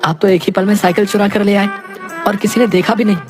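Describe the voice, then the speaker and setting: A voice actor playing a dim-witted, soft-hearted male apprentice thief who pleads and whines to his boss in a cartoon. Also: medium pitch, fairly even intonation, fast, music in the background, voice pushed up, lightly acted. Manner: pleading, whiny, humble, calls the boss sir. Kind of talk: cartoon voice acting.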